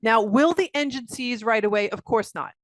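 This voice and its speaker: A woman's voice: on the high side, moderate pace, no room sound. A middle-aged woman, a guest on a video call interview, who tells stories with energy and acts out the voices of the people she quotes. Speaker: guest, accountant and coach. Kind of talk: interview conversation.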